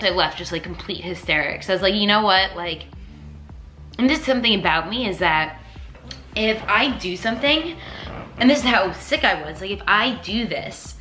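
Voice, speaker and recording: A woman's voice: fairly low pitch, sharp tone. A woman in her twenties from Long Island telling a personal story to camera, emotional and rambling with lots of "like". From Long Island, New York. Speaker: vlogger. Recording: echoey room with faint music.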